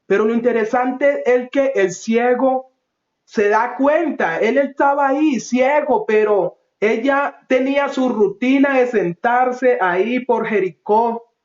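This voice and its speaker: Man, sermon, impassioned, slow deliberate delivery, dull lo-fi recording. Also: reverberant. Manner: impassioned, swings between loud pleading and low soft phrases. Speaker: preacher.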